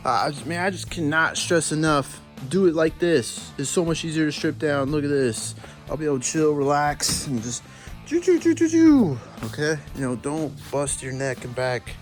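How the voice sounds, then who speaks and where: Slangy laid-back man, guitar music behind. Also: medium pitch. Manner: laid-back and slangy, calls viewers "boys"; talks while working with his hands. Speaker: DIY truck repair vlogger. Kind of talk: casual how-to walkthrough. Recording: clear guitar music under voice.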